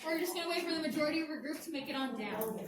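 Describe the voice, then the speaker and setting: A woman's voice: sits high, expressive, rapid-fire, noisy background. A woman giving polite, informal instructions to a tour group as a guide. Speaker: cave tour guide taking group photos. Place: echoing cave with tour group around. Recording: echoey cave, distant mic, crowd around.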